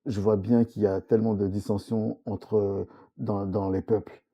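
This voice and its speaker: A man's voice: fairly low pitch, little pitch movement, moderate pace, warm tone, dull audio. A man from Congo-Brazzaville, a comics author, speaking earnestly as a guest in a casual interview, with frequent restarts. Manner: earnest, many restarts and fillers, agrees often.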